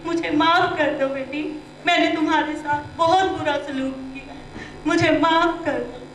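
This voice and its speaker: A woman's voice: high voice, steady tone, unhurried, a bit bright, far from the mic. A woman playing a remorseful grandmother who begs forgiveness in an amateur stage skit. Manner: remorseful, pleading. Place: live stage in a hall. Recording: echoey hall with faint hum.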